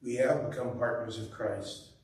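A man serving as lector, reading scripture at Mass in a slow, solemn way, heard with cathedral echo. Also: mid-range voice, steady tone, darkish tone. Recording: echoey church, mic far off.

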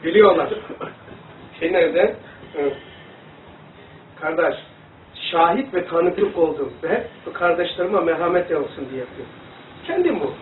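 Male religious teacher, high voice, rambling and animated, distant tinny phone-like recording. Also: unhurried, long pauses, slight background noise. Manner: rambling, animated, demonstrating to listeners. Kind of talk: informal religious lesson. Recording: echoey room, distant phone-like mic.

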